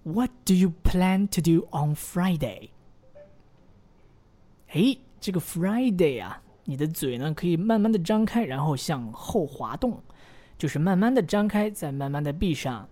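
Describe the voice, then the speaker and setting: A man teaching English pronunciation in a repeat-after-me audio lesson. He coaches patiently and encouragingly, modelling phrases slowly. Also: a little high, sing-song, warm tone.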